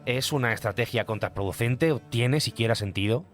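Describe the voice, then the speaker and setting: A man's voice: medium pitch, normal speed, faint music behind. A male interviewer in a clip, asking leading questions.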